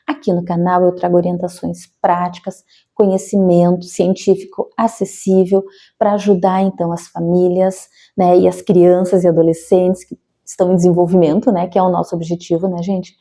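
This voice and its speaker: A woman's voice: fairly low pitch, little pitch movement, moderate pace, dark tone. A Brazilian educational psychologist, a woman, explains a topic to parents in a friendly, conversational way, often checking in with tag questions.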